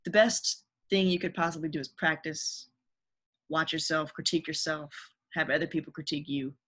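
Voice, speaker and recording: Bright-voiced young woman, earnest guest. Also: low-pitched, steady tone, moderate pace, breathy edge. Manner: earnest, upbeat advice-giving. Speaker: podcast guest, actress. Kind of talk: casual interview chat.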